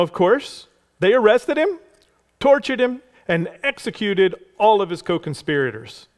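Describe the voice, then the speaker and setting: A man preaching a sermon as pastor, telling a history story in a loose conversational way with asides and little jokes. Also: sits high. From Texas. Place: church sanctuary.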